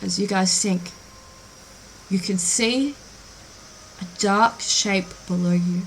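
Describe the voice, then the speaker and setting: A woman running a tabletop game as dungeon master, narrating scenes in a measured, descriptive way. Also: mid-range voice, slight background noise, rough recording.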